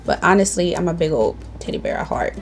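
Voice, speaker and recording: A woman's voice: fairly low pitch, expressive, quick pace, faint music behind. A young woman from Tanzania chatting casually to camera in a get-to-know-me video, bold, playful and sassy. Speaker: beauty vlogger. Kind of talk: casual sit-down chat to camera. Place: indoors at home, reading from a tablet.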